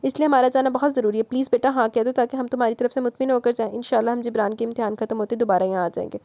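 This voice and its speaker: A woman's voice: on the high side, fairly even intonation, dark tone, dry recording, natural voice. A woman voicing a scheming middle-aged mother who persuades in a coaxing, honeyed way in an audio novel.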